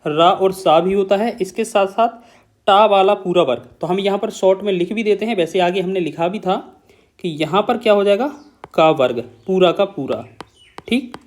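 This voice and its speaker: A man's voice: high voice, moderate pace. A man teaching an exam-prep grammar lesson, explaining step by step, repeating key terms and often checking in with his students.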